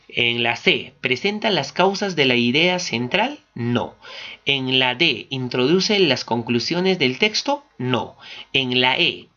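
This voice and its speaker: A man teaching, walking through exam questions one by one, asking and answering his own questions. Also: mid-range voice. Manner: steady explanatory, asks and answers own questions. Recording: dull lo-fi recording.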